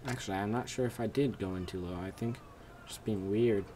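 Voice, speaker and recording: With background noise behind him, a teenage boy who makes gaming videos talks briskly in a lowish voice while playing at home. He reads signs out loud, shouts and squeals at his wins and deaths, and is growing hoarse, using a desk microphone paired with a webcam.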